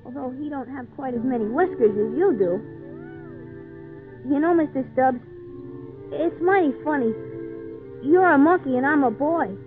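In a tinny, band-limited 1940s radio drama, a woman plays an earnest, polite, folksy little boy, sounding friendly, wondering, wide-eyed, and hesitant. Her high-pitched voice is animated at normal speed with frequent pauses, and music plays in the background.

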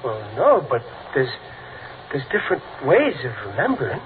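An American actor with a fairly high, wildly swooping voice speaks at normal speed as a kindly, plain-spoken working man in a 1940s radio comedy. His folksy delivery is hesitant and earnest, and the mood stays earnest and gentle. The tinny, band-limited old radio recording carries faint noise.

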